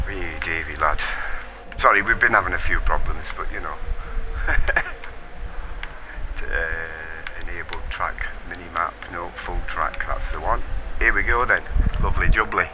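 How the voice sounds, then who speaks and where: A man's voice: low-pitched, a little slow, long pauses, background noise. A man doing casual live-stream commentary on an online racing league, swearing a lot, laughing often and rambling. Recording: music playing behind the voice.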